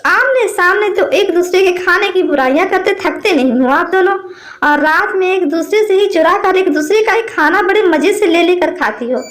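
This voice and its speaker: A woman's voice: extremely high pitch, lively intonation, normal speed, fairly bright tone, echoey room. A woman voicing a young husband caught between his wife and mother, exasperated and pleading. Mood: sarcastic.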